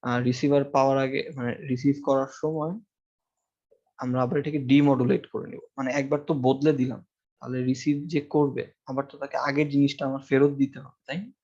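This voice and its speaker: This male lecturer talks briskly in a flat, mellow, mid-range voice, and the recording is muffled. Speaking into a classroom microphone with an amplifier, he explains a university lesson one step at a time, quizzes his students, and fills gaps with frequent fillers.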